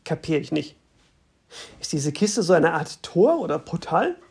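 A narrator voicing a stubborn young woman, husky. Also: low voice, very animated, unhurried, darkish tone, full character voice. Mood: puzzled. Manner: questioning, insistent. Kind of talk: audiobook reading.

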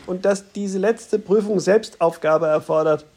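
A narrator voicing a calm, husky male guide. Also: mid-range voice, a little slow. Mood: grave. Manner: calm, explaining. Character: calm knowing man, patient guide. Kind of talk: audiobook reading.

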